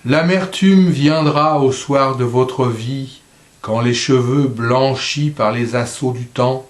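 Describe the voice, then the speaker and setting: Slow, solemn man reading poetry. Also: mid-range voice, echoey room. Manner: slow, solemn reading with soft dropping line endings. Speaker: poetry reader. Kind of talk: poetry recitation.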